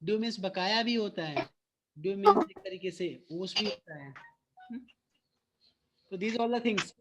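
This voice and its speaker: A man's voice: high-pitched, animated, unhurried, heavy background noise. A male school teacher giving an online phonics lesson, mixing Hindi and English, patiently repeating and quizzing his students.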